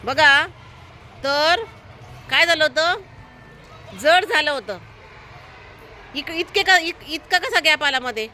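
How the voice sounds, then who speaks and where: High, bright-voiced woman teaching children. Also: takes it slowly, pauses often, soft background music. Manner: asks the children constant questions, coaxing answers; gives firm, encouraging classroom instructions. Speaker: primary school teacher. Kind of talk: storytelling lesson with a class of children. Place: school, with outdoor traffic noise behind.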